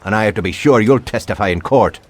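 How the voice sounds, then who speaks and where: A man playing a gruff, stern detective. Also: lowish voice, fast talker, close to an everyday voice. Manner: blunt, tough street talk. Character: gruff male police detective, stern and wary. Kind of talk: video game cutscene acting.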